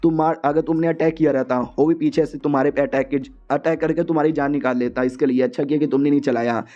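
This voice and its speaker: A clingy, frightened little girl who pleads and whines, repeating herself when she wants something, as a man puts her on. The voice sits a little high and mellow, and the recording is dull and lo-fi. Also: fairly even intonation, fast, close to an everyday voice. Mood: chatty. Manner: whiny, pleading repetition.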